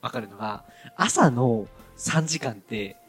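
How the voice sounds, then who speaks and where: A man hosting a podcast in casual chat, upbeat and quick to laugh. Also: mid-range voice, expressive, a bit bright, soft background music. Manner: upbeat, fast talker who laughs easily. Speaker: podcast host.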